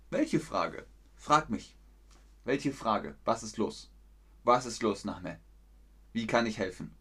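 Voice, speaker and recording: A man teaching German in a live lesson, answering viewers' chat questions slowly and clearly with encouragement. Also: on the low side, a bit bright. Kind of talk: live-streamed language lesson.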